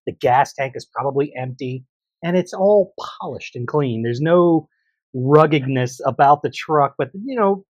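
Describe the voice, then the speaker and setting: A man's voice: mid-range voice, lively intonation, a little slow, a little mellow, no room sound, muffled recording. A man co-hosting a casual podcast chat, talking in an opinionated way and laughing often. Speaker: podcast co-host.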